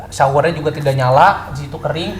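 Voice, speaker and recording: A young woman, co-hosting a casual film review and firing off quick sarcastic retorts. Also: low voice, steady tone, roomy sound, crowd noise. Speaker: co-host. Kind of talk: casual chat.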